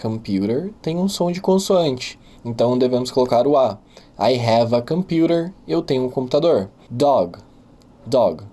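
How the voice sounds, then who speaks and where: A man whose first language is Portuguese, teaching a beginner English lesson and patiently repeating each example word slowly. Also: mid-range voice, expressive, warm tone.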